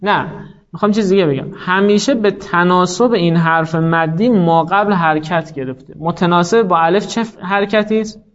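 Higher-voiced male teacher lecturing. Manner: explains patiently, quizzes students, stretches quoted words. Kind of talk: classroom lecture on grammar. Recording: muffled lo-fi classroom recording.

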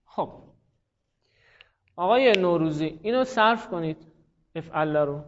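A male teacher giving a classroom grammar lesson, explaining step by step, repeating forms slowly and quizzing students by name. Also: sits high, lively intonation, muffled recording, a little hiss or hum.

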